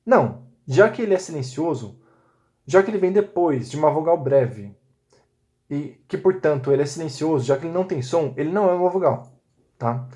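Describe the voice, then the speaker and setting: A man's voice: on the high side, animated, fairly quick, mellow. A man teaching a recorded language lesson. He explains step by step and often checks in with short tag questions. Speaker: Biblical Hebrew teacher.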